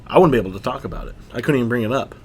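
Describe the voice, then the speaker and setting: A man's voice: mid-range voice, expressive, racing, husky. A man co-hosting a satirical podcast, speaking earnestly and often repeating his phrases. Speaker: podcast co-host.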